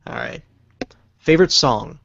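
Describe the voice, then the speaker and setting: A man co-hosting a casual livestream, reading out crude questions with dry, teasing remarks. His voice is gravelly with vocal fry, and the audio sounds dry, close and dull. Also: mid-range voice, wildly swooping pitch, unhurried, fairly bright tone, no room sound. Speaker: co-host asking questions.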